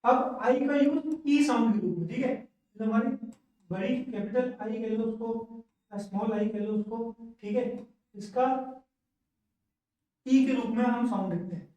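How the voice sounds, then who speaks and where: A man teaching English pronunciation in a classroom lesson, slowly repeating each word twice for learners to echo. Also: very high-pitched, dark tone. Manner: says each word twice, slow drilling. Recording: very echoey room, voice from far off.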